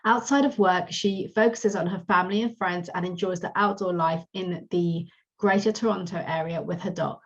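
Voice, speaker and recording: A woman who hosts a podcast as a career coach reads a polished, upbeat introduction before interviewing her guest, in a promotional style. Her voice is on the low side, with fairly even intonation and a moderate pace. The sound is dull and lo-fi.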